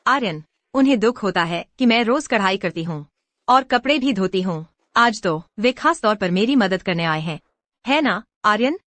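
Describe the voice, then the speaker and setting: A smug, jealous young village woman, voiced by a woman who shows off in a teasing tone. Her pitch sits in the middle, and the recording is dry. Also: lively intonation, moderate pace, a bit bright, dry recording, lightly acted. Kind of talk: dubbed drama acting.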